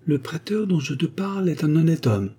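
Putting on the voice of a scheming young actress for a storybook, a man reads in a coaxing, caressing way. He pitches it higher than his natural voice while keeping it mellow and slightly husky, animated and at a moderate pace.

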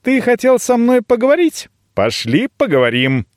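A man playing a feisty young woman whose voice jumps high and sharp. She flares up at once and snaps back. The sound is dry and close. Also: huge pitch swings, normal speed, no echo, heavily acted.

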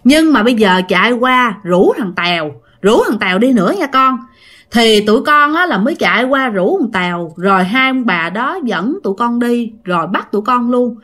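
Lively woman telling ghost stories. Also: on the high side, normal speed. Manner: chatty, addresses listeners directly. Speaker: storyteller. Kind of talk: casual ghost story narration.

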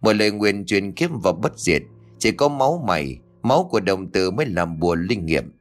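A man's voice: sits low, sing-song, normal speed. A man voicing a cruel old female sorcerer in an audiobook, cold and menacing, coaxing one moment and wrathful the next. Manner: menacing, cajoling then wrathful. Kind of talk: audiobook character voice.

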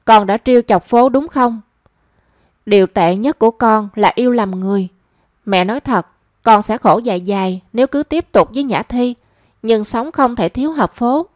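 A woman's voice: on the high side, moderate pace, darkish tone, no echo, clean studio sound, natural voice. A woman reading the lines of a stern middle-aged mother who scolds and questions her son. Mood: scolding. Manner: scolding, probing.

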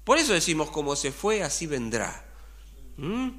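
Lively Argentine pastor preaching. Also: male voice, on the high side, moderate pace. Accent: Argentine Spanish. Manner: lively, colloquial, with rhetorical questions. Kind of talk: sermon.

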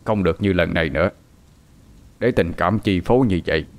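A man's voice: low voice, fairly quick. A man voicing a stern elderly master who gives firm instructions.

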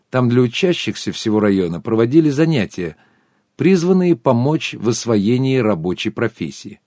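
A man reading the part of a lively, polished woman in her forties, gossiping in an audiobook. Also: mid-range voice, no echo, clean studio sound, lightly acted.

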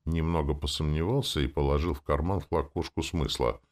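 A man narrating a first-person fantasy audiobook in a wry, expressive way. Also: rumbling low, a little fast.

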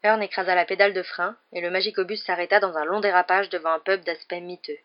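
A woman with a lowish voice narrating a storybook, calm and even. The recording is dull and lo-fi. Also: fast talker. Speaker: audiobook narrator. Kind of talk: scripted narration.

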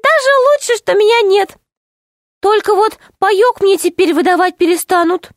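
A woman voicing a small, excitable male gnome who squeaks and exclaims. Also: moderate pace, dry recording, studio quality. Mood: cheerful.

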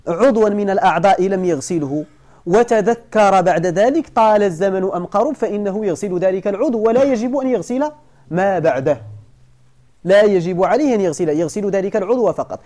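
A man's voice: high voice, warm tone. A man with a Moroccan Arabic accent teaching a religious lesson, explaining a text line by line, repeating key points and asking his students whether they follow. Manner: repeats points and checks understanding with questions.

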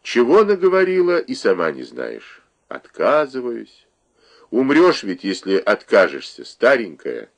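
A man voicing a calm, stubborn young woman who speaks firmly and steadily in a read-aloud story. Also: mid-range voice, measured pace, pitched above the performer's own voice, full character voice. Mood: rueful.

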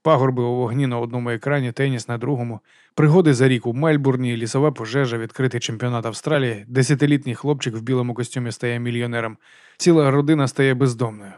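A man reading audiobook narration in a calm, measured way. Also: medium pitch, dry recording, studio quality. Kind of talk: scripted narration.

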